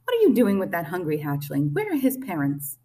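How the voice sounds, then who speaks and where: A woman voicing an old gray female goose who talks in a brisk, bossy, no-nonsense squawk for a storybook reading. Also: on the low side, wildly swooping pitch, warm tone, distant mic. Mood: blunt, brisk.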